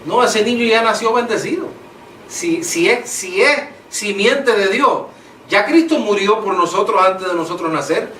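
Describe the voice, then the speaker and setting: A man's voice: high voice, expressive, unhurried, fairly bright tone. A man, a pastor, preaching conversationally and affirming his co-host. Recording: echoey room, mic at a distance, faint noise.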